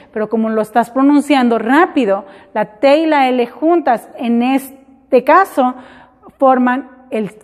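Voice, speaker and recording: A high-voiced woman teaches a classroom lesson at a slow, careful pace. She repeats each example word in English before explaining it. The sound rings in a hall with long reverb.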